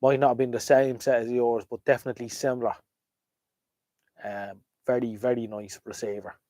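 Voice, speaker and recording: An Irishman's warm, mid-range voice keeps a level tone at a moderate pace as he chats with livestream viewers about vintage radios. The talk is rambling and casual, hesitant but opinionated, with trailing sentences and abrupt topic jumps; no room sound is present.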